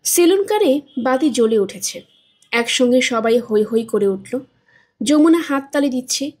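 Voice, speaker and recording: A woman narrating a novel as a storyteller, steady and expressive. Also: high-pitched, measured pace, slightly rough. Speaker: storyteller, audiobook reader. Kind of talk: novel reading.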